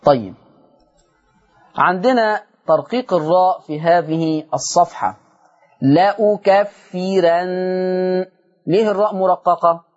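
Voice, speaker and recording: A man with an Egyptian accent teaching Quran recitation on a broadcast lesson, explaining rules briskly and stretching out example words slowly. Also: high voice, highs cut off. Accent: Egyptian Arabic.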